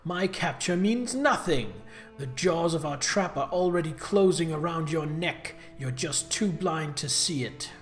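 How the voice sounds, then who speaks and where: A man's voice: on the high side, lively intonation, unhurried, soft background music. A man voicing an arrogant, vengeful captured noblewoman from a video game, with a menacing, haughty cartoon-villain delivery. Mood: haughty, threatening. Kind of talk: reading video game dialogue aloud.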